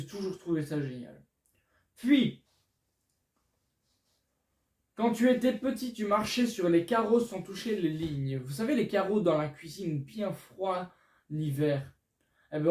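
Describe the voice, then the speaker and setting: Young male vlogger, high voice, teasing and casual; roomy sound, mic set back. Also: a little mellow. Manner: chatty, self-mocking, speaks straight to viewers. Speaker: YouTuber. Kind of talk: casual vlog talking to viewers. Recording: echoey room, mic at a distance.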